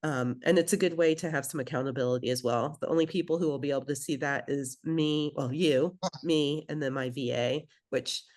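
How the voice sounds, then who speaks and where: A woman's voice: low-pitched, steady tone, brisk, hardly any pauses, a little mellow. A woman who grew up in Belgium, coaching a group through a nutrition program in a conversational way, with many fillers and questions to the group. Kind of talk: instructional group session.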